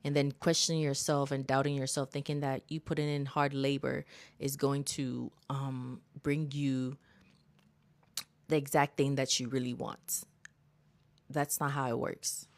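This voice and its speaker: Woman, low voice, livestream host; earnest, motivational, casual with fillers and swearing. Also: level tone, unhurried, vocal fry. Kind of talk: casual self-help commentary.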